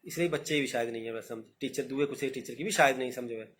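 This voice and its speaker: A man with a Dogri accent, a teacher giving a live talk on poetry, who explains points, repeats himself and recites verses slowly. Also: mid-range voice, fairly bright tone.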